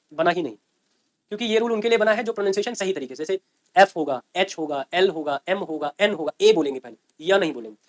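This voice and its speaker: A man teaching a grammar lecture, explaining step by step and often checking with his students. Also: sits high. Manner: explains by repeating and checking with "ठीक है ना?".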